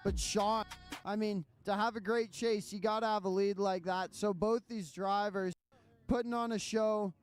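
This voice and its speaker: A man's voice: sits high, steady tone, moderate pace, faint music behind. A man giving enthusiastic hyped replay analysis as one of two dueling motorsport announcers. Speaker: motorsport co-commentator. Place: race track event commentary.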